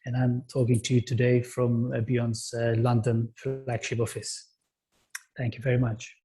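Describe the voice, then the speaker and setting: Polite man, flat mellow voice. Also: medium pitch, measured pace, poor audio. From Turkey. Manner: polite, formal, slightly broken phrasing. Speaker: company director, webinar speaker. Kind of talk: online business webinar talk. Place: London office.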